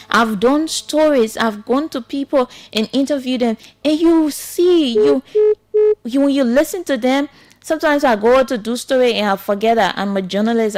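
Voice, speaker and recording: A woman's voice: fairly high pitch, a little mellow. A Liberian woman, a radio host and journalist, giving earnest talk-radio commentary, repeating her points as she pleads a case.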